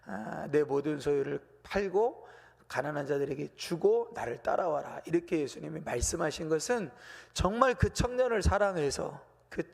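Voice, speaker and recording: A man's voice: sits high, gravelly, a little mellow, big-room sound. A man preaching a sermon as pastor, patiently explaining a scripture text and addressing the congregation directly. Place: church sanctuary.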